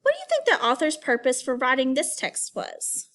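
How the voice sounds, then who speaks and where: Here a woman acts as an elementary school teacher leading a read-aloud for children, her fairly high voice full of lively intonation. Her wording is clear, she guides the young audience one step at a time, and she talks at a normal speed.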